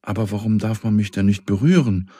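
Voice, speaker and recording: A soft, wistful old carved house speaks in a children's storybook as a man puts it on. The voice stays low and husky, with a mellow tone. It is close and dry, with no room sound. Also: a little fast, no echo, lightly acted. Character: old carved meeting house, gentle and longing, male.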